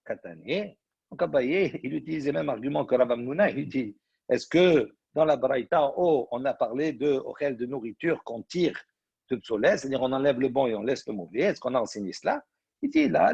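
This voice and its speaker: A man, a rabbi, teaching a Talmud study class. He explains step by step and reads Aramaic phrases slowly before translating them. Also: fairly high pitch, gravelly, breathy edge, no room sound. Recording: dull lo-fi recording.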